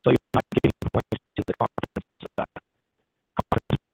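A man's voice: fairly quick, darkish tone, dry recording, faint music behind. A man co-hosting a sports podcast over a remote connection that keeps breaking up, hurrying and repeating mic checks. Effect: remote line breaking up, garbled and choppy. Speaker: podcast co-host. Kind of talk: casual sports chat. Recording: distant, crackly broken-up connection.

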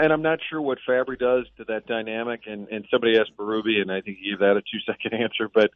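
Calling in over a tinny phone line from a boat in a harbor, a male sports reporter with a lowish voice talks through a game preview in casual conversation. He sounds conversational and analytical, and the recording is dry.

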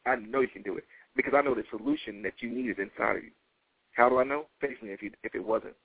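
A man's voice: medium pitch, dry recording. A man giving a motivational sermon in a fervent, emphatic manner, repeating key phrases for effect. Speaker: motivational preacher. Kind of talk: motivational speech with preaching. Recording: thin, phone-like radio-style sound.

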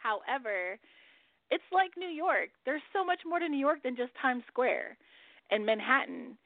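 A woman's voice: high-pitched, animated, a little slow, dry recording. A woman hosting a radio show in casual chat, who swears freely and laughs often. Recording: dry, phone-like line.

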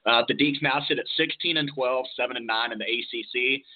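A man's voice: mid-range voice, fairly quick. A man co-hosting a casual sports talk podcast, walking through advanced stats with frequent "uh" fillers. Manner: stat-heavy, analytical, with frequent "uh" fillers. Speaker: podcast co-host. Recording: tinny phone-like line.

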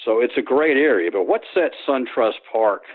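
On a tinny phone connection, an animated man speaks at a moderate pace in a medium pitch while answering interview questions as a sports historian. His responses wander, with frequent restarts and fillers.

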